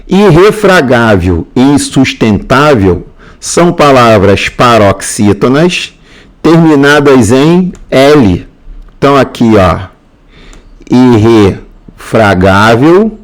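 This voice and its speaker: A man's voice: medium pitch, very animated, takes it slowly. A male teacher with a Brazilian Portuguese accent, going through exam answers step by step and repeating key points. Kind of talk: exam answer walkthrough lesson.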